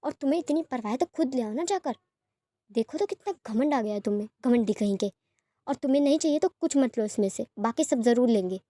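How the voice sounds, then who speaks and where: A woman voicing a practical young woman who looks after others and scolds briskly, in a storybook reading. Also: on the high side, lively intonation, dark tone, no room sound. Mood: scolding.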